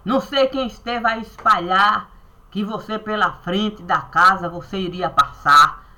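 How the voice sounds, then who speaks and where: A woman voicing a flustered, excited old male friar who protests in hurried chatter. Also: mid-range voice.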